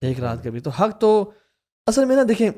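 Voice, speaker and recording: Higher-voiced man telling stories animatedly. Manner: animated storyteller, mixes English into Urdu. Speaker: host. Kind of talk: casual Islamic discussion.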